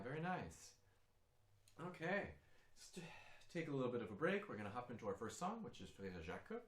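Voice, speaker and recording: Encouraging male singing teacher, roomy sound. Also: mid-range voice. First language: German. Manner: encouraging, talks the learner through, demonstrates vowels by singing. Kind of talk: online voice lesson with warmups. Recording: roomy, with guitar faintly behind.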